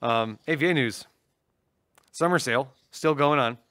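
A man's voice: mid-range voice, normal speed, dry recording. A man co-hosting a tech stream in casual banter, teasing and laughing often as he tells jokes. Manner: laughs often, teasing, animated joke-telling.

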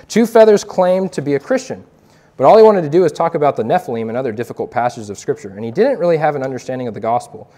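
A man's voice: medium pitch, lively intonation, fast, warm tone. A young man and evangelist giving an earnest, preacherly testimony to a youth group, quoting scripture as he speaks.

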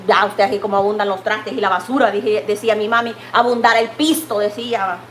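A brisk woman with a medium-pitched, fairly bright voice and fairly even intonation speaks with a Guatemalan Spanish accent. She's a cooking vlogger chatting homily in her home kitchen, forever saying "mire" and calling viewers "mamayita," while a pan sizzles and fries in the echoey, noisy room.

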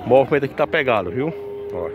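A man's voice: medium pitch, expressive, fast talker, lo-fi sound. A man vlogging as he walks through an outdoor cattle market, chatting to his viewers and tagging his phrases. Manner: chatty, addresses viewers as pessoal, tags phrases with viu. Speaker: vlogger touring a cattle fair. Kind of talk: casual walking vlog to viewers. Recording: outdoor market with clear crowd noise. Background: crowd and cattle noise.

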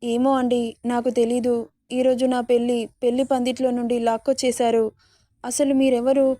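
A woman's voice: a little high, flat delivery, normal speed, mellow, no echo, clean studio sound, close to an everyday voice. A woman voicing a frightened, innocent young bride in a read-aloud story, tearfully pleading to be sent home.

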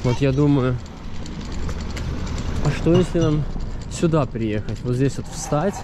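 A travel vlogger in his thirties walks along a harbor by the sea, talking in a chatty, rambling way to a camera at arm's length. He speaks slowly in a mid-range voice. The outdoor recording picks up wind and street noise.

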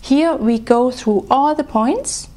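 A woman leading a guided tapping session, speaking slow, soothing phrases for the listener to repeat. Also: high voice, mellow. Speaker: EFT practitioner.

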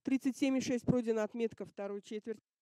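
A woman's voice: fairly high pitch, steady tone, quick pace, dark tone, no room sound. A woman giving live harness racing commentary in short, terse announcements. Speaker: race commentator.

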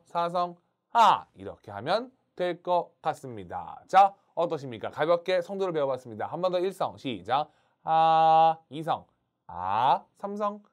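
A male teacher leading a pronunciation lesson. He models single syllables for learners to repeat and encourages them between tries. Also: medium pitch. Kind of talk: online language lesson.

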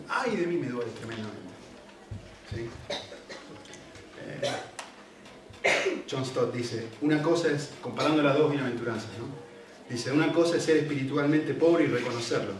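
In a very echoey hall, a distant mic captures a man's mid-range voice, along with a little hiss or hum. He preaches at normal speed with long pauses, earnestly and emphatically, often checking in with the audience.

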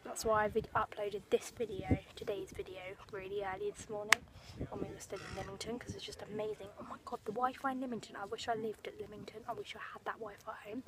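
A teenage girl vlogs outdoors, chatting casually into a phone held at arm's length as she walks by a sunny marina and along a woodland path. Her voice is medium-pitched and steady, and she talks fast with hardly any pauses, rambling with plenty of ums and likes. A loud crowd fills the background of this noisy outdoor phone recording.

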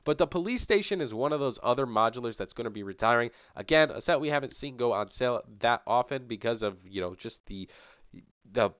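This young host, slightly sick, chats enthusiastically through a casual rundown to camera with lots of fillers, wearing a headset mic in a small room at home. His medium-pitched voice is lively, fairly quick, bright, clear and resonant, in a dry recording with the highs cut off.

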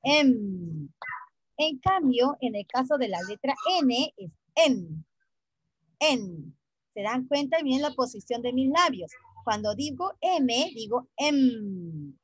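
A woman teaching an online English class, patient and deliberate, repeating each point in English and then Spanish and spelling letters out one by one. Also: high voice, lively intonation, husky, no echo.

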